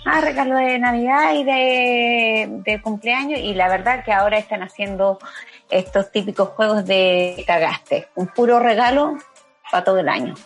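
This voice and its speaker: A woman's voice: medium pitch, normal speed, faint music behind, close to an everyday voice. Woman doing a chatty Chilean celebrity lady. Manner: chatty, gossipy, playful. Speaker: guest. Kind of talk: comedic impression.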